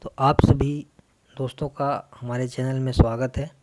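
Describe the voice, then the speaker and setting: A man from India teaching an English grammar lesson for exam students, explaining in Hindi mixed with English, asking questions and answering them himself, and reading English example sentences slowly with an Indian accent. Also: mid-range voice, level tone, a little mellow.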